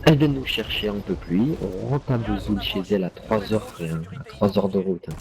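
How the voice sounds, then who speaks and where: A man's voice: lowish voice, lively intonation, moderate pace, vocal fry, crowd noise. A young man telling a casual anecdote to friends in street slang, peppered with slang tags and fillers. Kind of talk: casual anecdote told to friends while gaming.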